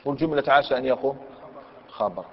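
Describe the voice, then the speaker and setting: Male Algerian grammar teacher in a classroom lesson, mid-pitched voice, lo-fi hall recording. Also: fast talker. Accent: Algerian Arabic. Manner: questions students and repeats key points; reads the commentary text aloud, then explains. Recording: echoey hall, dull lo-fi sound.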